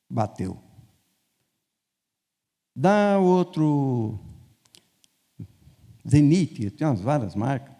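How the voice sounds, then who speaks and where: An older man with a Brazilian Portuguese accent, a bishop telling stories in a sermon and acting out the dialogue in voices. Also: a little high. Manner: animated, acts out dialogue in quoted voices. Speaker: bishop preaching. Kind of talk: storytelling sermon. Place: church sanctuary. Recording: long reverb in a church hall.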